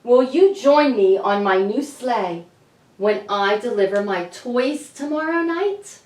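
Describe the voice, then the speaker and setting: A woman voicing a jolly, hearty, warm-hearted old Santa Claus as she reads a children's storybook aloud. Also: extremely high pitch, expressive, slow pace, heavily acted. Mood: warm, grateful. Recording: echoey room, distant mic.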